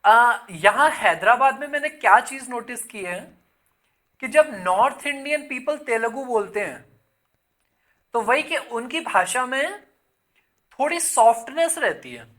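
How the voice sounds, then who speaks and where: A man's voice: very high voice, lively intonation, a little slow, pushed and bright. A male English exam teacher giving a casual online lesson, chatty, slipping English words into his Hindi and calling viewers "son". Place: in Hyderabad.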